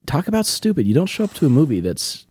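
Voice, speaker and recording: A man's voice: fairly high pitch, huge pitch swings, quick pace, dark tone, husky. A man chatting casually, dropping blunt, sarcastic asides. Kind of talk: casual chat.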